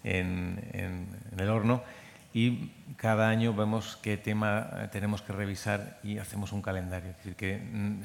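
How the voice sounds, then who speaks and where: A Madrid man with a fairly low voice and noticeable vocal fry gives a conference talk about the medical training program he coordinates. It wanders, full of false starts and repeated words, and the hall adds a long reverb.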